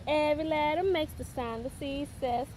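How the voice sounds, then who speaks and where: A young mom talks casually in a park, giving her little one a simple lesson with sing-song prompts for a vlog. Her voice sits high and moves at a moderate pace. Background noise from outdoors is audible throughout.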